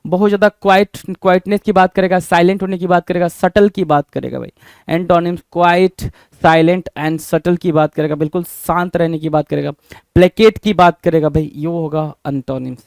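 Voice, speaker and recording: Energetic high-voiced vocabulary teacher. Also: male voice, normal speed, creaky, clean tone, no room sound, clean studio sound. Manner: energetic, drills words with repeated questions. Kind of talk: exam-prep vocabulary lesson.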